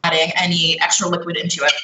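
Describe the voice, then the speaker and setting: Bright, chatty baker in an echoey kitchen. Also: medium pitch, flat delivery, quick pace, far from the mic. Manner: chatty, explanatory, fillers while working. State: slightly out of breath. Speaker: home baker demonstrating a recipe. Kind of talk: live cooking demonstration. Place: home kitchen. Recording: echoey kitchen, speaker away from mic.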